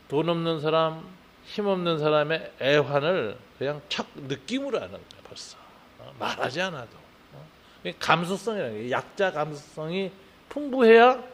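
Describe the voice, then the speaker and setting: A Korean pastor preaching at an early morning service, talking conversationally with frequent tag questions and rising into fervent emphasis, then leading prayer. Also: male voice, fairly high pitch, a bit bright.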